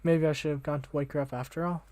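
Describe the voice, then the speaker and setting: A man's voice: fairly high pitch, fairly even intonation, fast talker, darkish tone, no room sound. A young man reading a visual novel aloud as the channel host, casual and slangy, tripping over words now and then.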